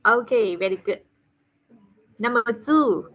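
A woman with a Vietnamese accent teaching English to a child in an online class, slowly repeating words for the child to copy. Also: on the high side, animated, a bit bright. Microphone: video call. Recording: dull lo-fi call audio.

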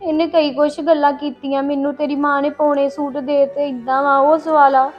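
A woman's voice: high voice, level tone, normal speed, muffled recording, soft background music, close to an everyday voice. A woman playing an unhappy young married daughter with a Punjabi accent, complaining to her mother. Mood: complaining, tearful. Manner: complaining, pleading. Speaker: daughter on the phone. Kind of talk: family drama acting.

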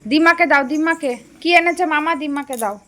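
Bright-voiced woman coaxing a baby. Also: sits high, brisk, a little hiss or hum. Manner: playful, coaxing baby talk with rising questions. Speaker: vlogger and mother. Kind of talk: casual home vlog, talking to a baby.

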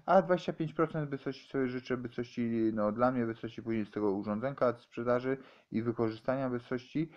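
A man giving a rambling, halting explanation, stumbling over words and restarting often. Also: mid-range voice, dull audio.

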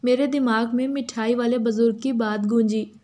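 A woman with an Urdu accent reading a first-person story as a steady, even narrator. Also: a little high, moderate pace.

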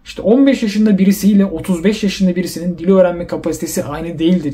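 A young man talks quickly to his viewers in a casual advice monologue. His voice sits high but has a mellow, dark tone, and he slips into quick put-on voices when he quotes people. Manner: animated, acts out quoted voices. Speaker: YouTuber giving language-learning advice.

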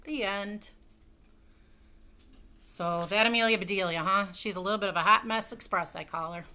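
Seated at home near a window, a middle-aged story time reader works through a children's book, chatting casually to her audience between lines. She speaks at normal speed and medium pitch with a bright, forceful tone, captured by a desk-distance webcam that adds faint noise and clicks.

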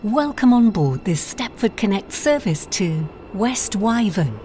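A woman's recorded train announcement, her words spliced together piece by piece, delivered in a measured, evenly paced way. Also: medium pitch, big pitch swings, mellow, slight background noise. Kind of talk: automated announcement.

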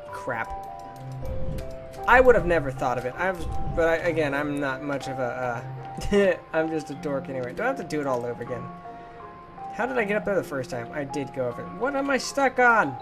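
This young gaming YouTuber talks a little high and fairly quickly, his intonation lively as he does let's play commentary over game music. He keeps it casual and goofy, full of playful exclamations.

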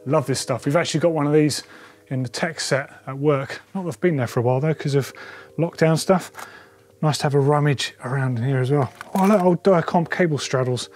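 A presenter in his forties chats enthusiastically while touring an indoor bike workshop shed, thinking aloud in a casual way. His voice is on the high side and a little fast, with a darkish tone.

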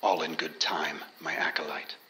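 An actor playing an intense, mystical male sculptor and researcher who talks slowly, at times in a near-whisper. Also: very deep voice, fairly even intonation, bright, forceful tone, rough recording. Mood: cold. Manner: slow, intense, half-whispered. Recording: crowd murmur behind.

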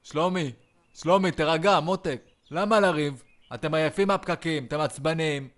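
Friendly cartoon barbecue host voiced by a man, soothing, apologetic, slightly high voice. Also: close to an everyday voice. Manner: soothing, calls everyone sweetie, apologetic. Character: easygoing friendly grill host, middle-aged man. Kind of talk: cartoon voice acting.

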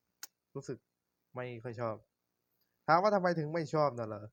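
A man's voice: mid-range voice, no room sound. A young man giving casual, swear-laced commentary while playing a survival game, talking to himself as he goes. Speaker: gaming YouTuber. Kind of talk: casual Minecraft let's-play commentary.

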